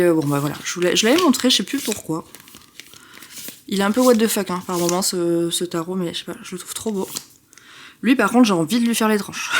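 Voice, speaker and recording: Casual vlogger, young woman, lower pitch, talkative and easily excited, faint hiss. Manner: chatty, excitable, self-interrupting with many fillers. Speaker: tarot vlogger. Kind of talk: casual chat.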